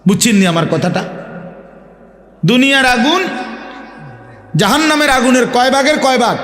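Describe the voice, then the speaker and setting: A high-pitched male preacher delivers a waz sermon in rhythmic surges. He slows to chant Arabic verses and keeps asking his listeners whether they understand. His voice booms through loudspeakers with a roomy, long-tailed echo. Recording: echoey loudspeaker sound with long hall reverb.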